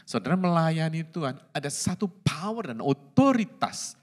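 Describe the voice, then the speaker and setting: A middle-aged male pastor, preaching a sermon in an animated way, slipping in English phrases and laughing at his own jokes. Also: a little high, moderate pace.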